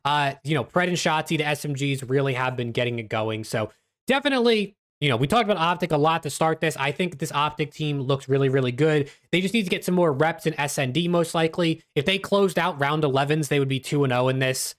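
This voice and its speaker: A man with a slightly high voice hosts a casual esports recap. His speech is a little restricted, as he has stitches in his mouth after dental surgery. He talks through team form and player numbers in an informal commentary style. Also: brisk. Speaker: esports recap video host. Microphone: webcam video setup.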